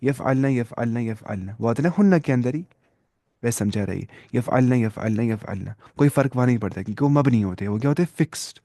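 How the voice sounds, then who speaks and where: A man's voice: mid-range voice, lively intonation, quick pace, mellow, no echo, clean studio sound. Patient man drilling grammar forms. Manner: patient, asks rhetorical questions and answers them; repeats word forms aloud in drills. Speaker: Arabic grammar teacher. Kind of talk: explaining grammar rules step by step.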